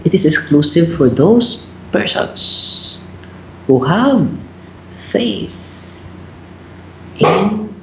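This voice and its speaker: Slow-talking priest, echoey room. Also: male voice, noisy background. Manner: animated storyteller, mixing English into Filipino, frequent "bro" and "no?". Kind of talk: conversational teaching in a talk show. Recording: roomy, dull low-fi sound.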